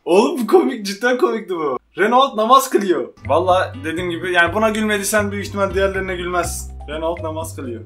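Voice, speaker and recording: High-pitched, giggly young man bantering in slang. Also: fast talker, few pauses, a bit bright, soft background music. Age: young adult. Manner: slangy, teasing, often breaking into giggles. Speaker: YouTube host and joke challenge contestant. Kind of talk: casual joking banter. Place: small room at home.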